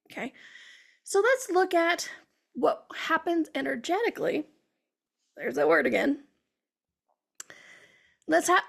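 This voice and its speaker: A woman's voice: high-pitched, vocal fry. A woman hosting a casual solo podcast as a coach, chatty, laughing often and acting out her clients' lines.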